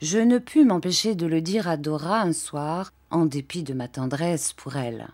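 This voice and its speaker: A woman reading an audiobook, narrating in a calm, measured way. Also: low voice. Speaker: audiobook reader. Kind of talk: scripted narration.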